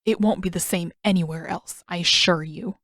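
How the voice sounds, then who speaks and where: A woman's voice: on the low side, fairly even intonation, moderate pace, fairly bright tone, dry recording, clean studio sound. A woman voicing a smug, sarcastic male naval admiral in a fan audiobook reading, with a mocking edge.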